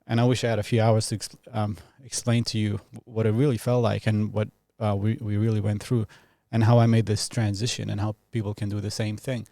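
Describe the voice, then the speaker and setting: Low, gravelly-voiced man in his thirties. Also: level tone, dark tone, no echo, studio quality. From Iraq. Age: 30s. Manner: thoughtful, pauses often, laughs easily. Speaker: podcast guest. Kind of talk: casual reflective interview talk.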